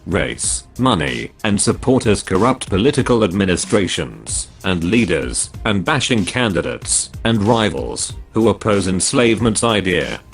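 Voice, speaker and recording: Disguised deep male voice, solemn and declamatory. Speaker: anonymous spokesman. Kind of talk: scripted manifesto read-out.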